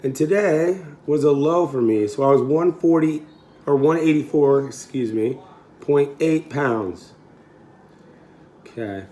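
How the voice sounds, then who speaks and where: A man in his thirties with a raspy voice, hoarse and a little high-set for a man. He chats informally to camera as a fitness coach, rambling along without a script. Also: unhurried, warm tone. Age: 30s. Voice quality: raspy, throaty. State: hoarse, getting over being sick. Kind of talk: casual chat to camera.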